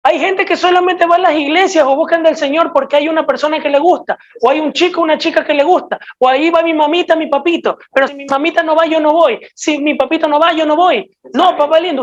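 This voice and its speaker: A woman with an Ecuadorian accent preaching a sermon in a direct, emphatic, scolding way to a church congregation. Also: sits high. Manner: emphatic, direct and scolding, with sudden swings in loudness. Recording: dull lo-fi recording.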